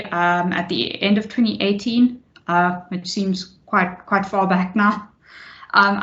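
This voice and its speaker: A woman's voice: medium pitch, a bit bright. Young woman, echoey call. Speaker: panelist. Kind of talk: career panel talk. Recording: dull lo-fi video call with room echo.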